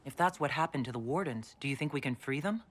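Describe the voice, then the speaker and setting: Game casting: earnest commander, mid-range voice, direct and composed. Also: male voice, mid-range voice, animated, fast talker, a bit bright, breathy edge. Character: composed, earnest male leader of a fantasy order. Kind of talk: dramatic video game cutscene acting.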